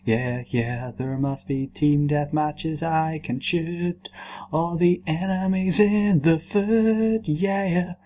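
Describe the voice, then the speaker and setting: Slow-paced man doing playful gameplay commentary. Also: fairly high pitch, steady tone, dark tone. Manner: playful, rambling, repeats words, exclaims. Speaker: gamer recording gameplay commentary.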